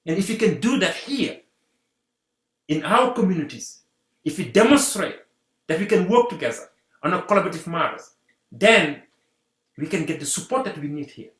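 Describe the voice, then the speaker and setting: Animated guest. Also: medium pitch, normal speed, pauses often. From Senegal. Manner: animated, repeats rallying phrases. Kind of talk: earnest community talk. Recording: roomy echo.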